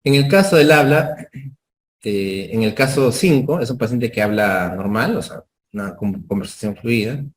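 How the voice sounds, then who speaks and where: A man's voice: mid-range voice, expressive, moderate pace. Man explaining with constant tag questions. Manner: frequent tag questions, acts out patient exchanges. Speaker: medical lecturer. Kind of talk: explanatory lesson.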